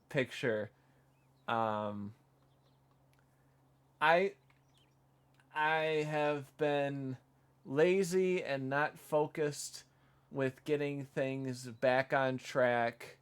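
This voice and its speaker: A young male vtuber talks through his game in a relaxed, unhurried way. His voice is smooth and resonant, and his middle-pitched chatter wanders into rambling, self-deprecating tangents. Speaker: vtuber streamer. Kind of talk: casual chat while gaming.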